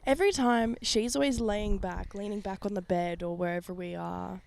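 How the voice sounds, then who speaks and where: A young woman co-hosting a podcast in casual chat, earnest and explaining things plainly, her voice hoarse from being sick. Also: medium pitch, fairly even intonation, moderate pace, a little mellow. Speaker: podcast co-host. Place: outdoors, lying in a hammock.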